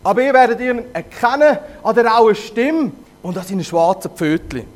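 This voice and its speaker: A man's voice: high voice, animated, normal speed, voice pushed up. A man with a Zurich Swiss German accent voicing a caring old mother goat in a storybook tale, urgent and warning.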